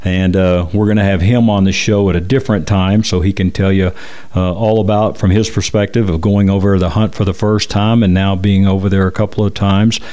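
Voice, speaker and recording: A low, dark-toned voice with a flat delivery comes from an American man hosting a radio show. He interviews and promotes in a conversational way, deliberately repeating phone numbers at a slow pace.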